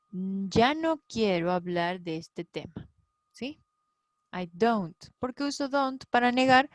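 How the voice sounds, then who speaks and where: Woman, teacher, slow and patient, dry close sound. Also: medium pitch, no echo. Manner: patient, checks in with frequent "¿sí?". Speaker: English teacher. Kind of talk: slow explanatory lesson.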